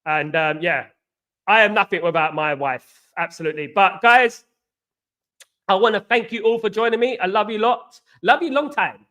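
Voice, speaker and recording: An Englishman with a high-sitting, sharp voice runs a casual livestream at normal speed, though the recording's highs are cut off. He chats loosely, reads viewer comments aloud and greets people by name, often saying "absolutely" and "big up."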